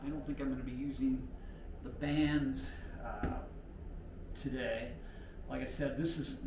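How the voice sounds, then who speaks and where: A man's voice: mid-range voice, creaky. An older man talking casually while he demonstrates a home workout, unpolished and rambling, thinking aloud with plenty of fillers. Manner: talks while moving and exercising. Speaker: home exercise vlogger. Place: room in an older mountain home. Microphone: camera set back from the speaker. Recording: roomy home audio from a distant mic, faint hiss.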